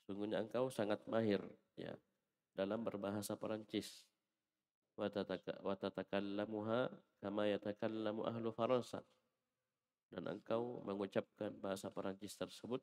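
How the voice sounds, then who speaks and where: A man's voice: fairly low pitch, a little mellow, big-room sound. A man teaching a classroom Arabic lesson, patiently explaining and correcting a student's reading. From Indonesia.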